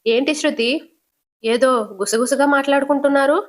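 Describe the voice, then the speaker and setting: A woman's voice: sits high, fairly even intonation, normal speed, pitched above the performer's own voice, natural voice. Woman voicing a haughty young sister-in-law. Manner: condescending.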